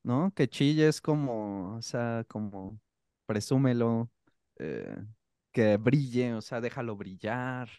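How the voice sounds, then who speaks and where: A playful, Mexican-accented co-host jumps into the conversation with guesses. The voice is mid-pitched and sounds dry and close to the mic. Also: lively intonation, takes it slowly, dark tone, clean tone, dry recording. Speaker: podcast host. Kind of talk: casual chat.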